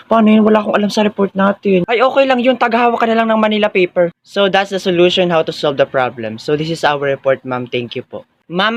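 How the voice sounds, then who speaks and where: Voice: medium pitch, vocal fry, dry recording. Comic performer voicing bickering classmates. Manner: rapid, bickering, mixing in broken English. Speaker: comedy sketch performer.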